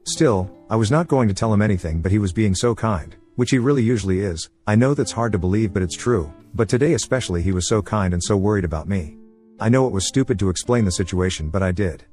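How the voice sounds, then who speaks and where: A man narrating forum posts as a story, reading quickly with few pauses. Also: fairly low pitch, darkish tone, faint music behind. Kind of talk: fast scripted story reading.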